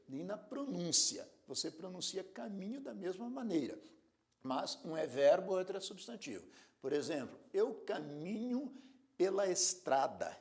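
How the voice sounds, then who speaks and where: Male teacher, didactic, gravelly voice with animated pitch. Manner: didactic, spells out words and gives examples. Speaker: Portuguese teacher. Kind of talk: recorded grammar lesson.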